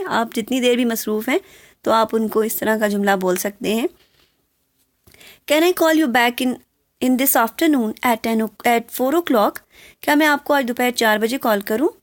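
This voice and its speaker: A woman with a fairly high voice gives a spoken English lesson, going through phrases word by word. Her first language is Urdu, and she reads the English examples slowly and carefully. The sound is dry and close. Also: dry recording. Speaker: English teacher.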